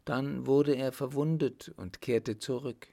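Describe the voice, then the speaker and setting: Male reader doing a slow, reverent poor widow, voice raised a little. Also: mid-range voice, fairly even intonation, gravelly, warm tone, pitched above the performer's own voice. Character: anxious poor widow, humble and devout.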